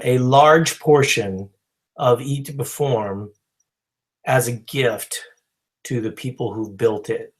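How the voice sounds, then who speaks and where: A man's voice: medium pitch, poor audio. Rambling man announcing news casually. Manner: rambling, full of "you know" and restarts. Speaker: company founder. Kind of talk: casual spoken announcement to followers.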